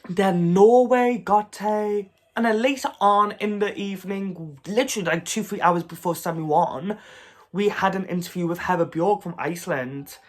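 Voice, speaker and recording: A man's voice: high-pitched, moderate pace. A man chatting to camera on his vlog channel, gushing and laughing often as he talks. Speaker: YouTuber. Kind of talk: casual vlog chat to camera.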